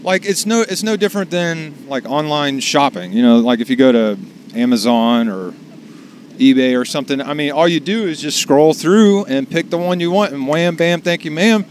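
A man talks loosely and at length from behind the wheel, his voice sitting a little higher than most men's. He rambles from one thing to the next with a salty edge. Faint road noise hums under him. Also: expressive, normal speed. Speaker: delivery driver vlogger. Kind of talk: casual chat while driving. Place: in a car.

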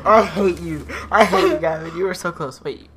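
A woman's voice: on the low side, moderate pace. A woman chatting while gaming, with exasperated, teasing outbursts at a teammate. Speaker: gamer. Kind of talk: casual gaming chat. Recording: loud crowd noise behind.

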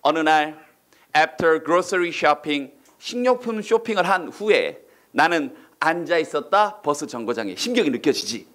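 A man teaching an online English exam-prep lecture, firing quick questions at his students and acting out reactions with silly voices. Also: a little high, animated, fairly bright tone.

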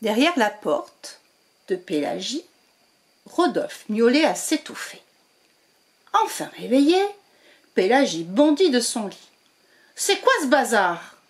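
Unhurried, lively woman storyteller. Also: a little high. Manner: slow, expressive read-aloud. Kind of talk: children's storybook reading.

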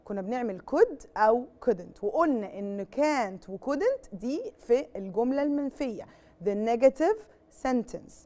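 This woman, who has a fairly high, warm voice and an Egyptian Arabic accent, teaches an English grammar lesson on television. She switches between Arabic and English, asks questions and answers them herself, and slows down to spell out English words one at a time.

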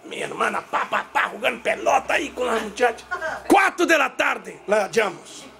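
A woman preaching in church, telling a family story with lively voices for each person, and repeating herself for an interpreter. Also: a little high, normal speed, creaky, slight background noise. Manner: animated storytelling, jumps between two languages, acts out family members. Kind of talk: sermon with live interpretation.

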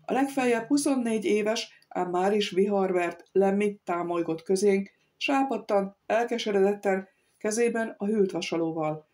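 A woman reads a novel aloud as an audiobook, voicing every character herself. She lifts her voice for the shrill outbursts. Her pitch sits in the middle range for a woman. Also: mellow. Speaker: audiobook narrator.

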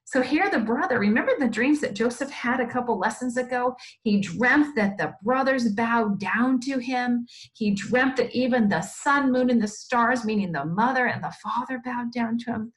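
A woman's voice: on the high side, moderate pace, few pauses. Woman teaching a children's Bible lesson. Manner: animated storytelling, asks the children questions. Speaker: Sunday school teacher.

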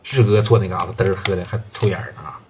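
A man with a Northeastern Mandarin accent telling a gangland tale in colloquial, animated storytelling style, slipping into characters' voices. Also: low-pitched, quick pace, a little hiss or hum. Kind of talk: oral crime storytelling.

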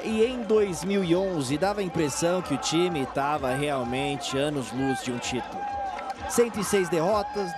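A man with a Brazilian accent gives animated baseball analysis in a fairly high voice. He builds his points emphatically, phrase by phrase. A stadium crowd is clearly heard behind him. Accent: Brazilian Portuguese. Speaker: sports colour commentator.

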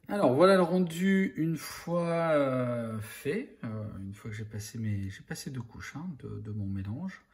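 A man talking through a miniature painting tutorial in a relaxed, rambling way, full of fillers and dropping to a murmur while he works. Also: lowish voice.

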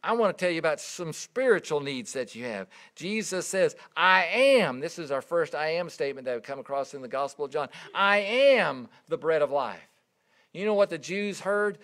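Earnest middle-aged man preaching, slightly high voice. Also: animated, normal speed, fairly bright tone. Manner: earnest, emphatic, storytelling with rising and dropping volume. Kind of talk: sermon.

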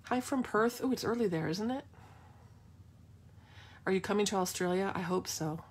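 A woman's voice: mid-range voice, normal speed, slightly rough. A woman hosting a live craft demonstration, chatting casually and playfully as she answers viewers' questions. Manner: chatty and playful, thinks aloud with restarts.

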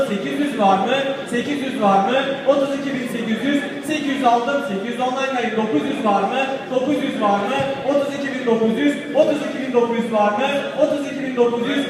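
Male auctioneer, insistent repetitive bid chant, very high voice, far from the mic, big reverberant hall. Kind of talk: auctioneer's rapid repeated bid calling. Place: large echoey auction hall. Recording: distant mic in echoey hall with crowd.

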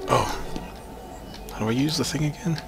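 A young man commenting casually on a game he is playing, joking and swearing in excited outbursts. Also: medium pitch, normal speed, vocal fry, music in the background. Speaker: gaming channel host.

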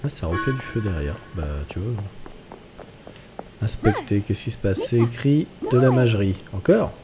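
Low-voiced man streaming a game. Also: animated, moderate pace, over loud music. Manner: joking, rambling, chatty with viewers. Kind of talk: casual live gameplay commentary.

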